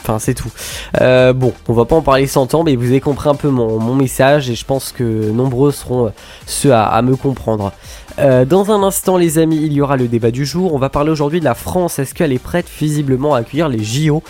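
A man's voice: medium pitch, brisk, a little mellow, soft background music. A man hosting a radio show in casual on-air chat, talking in a hesitant way with many fillers and restarts. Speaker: radio host. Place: radio studio.

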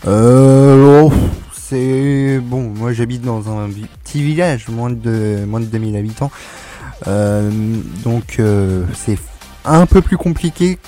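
A man talking as a guest on a radio show in casual conversation, in a hesitant, halting way full of fillers. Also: medium pitch, warm tone, soft background music.

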